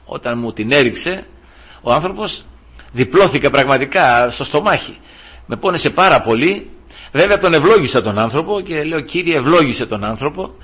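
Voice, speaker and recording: A middle-aged or older man preaching a sermon to the brethren, telling a personal story and acting out quoted voices with sudden jumps in pitch. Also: expressive, fairly bright tone, breathy edge.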